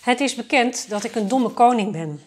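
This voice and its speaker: A woman's voice: on the high side, expressive, normal speed, pitched above the performer's own voice. A woman voicing a foolish old male king in a storybook tale, speaking plainly and matter-of-factly. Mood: resigned.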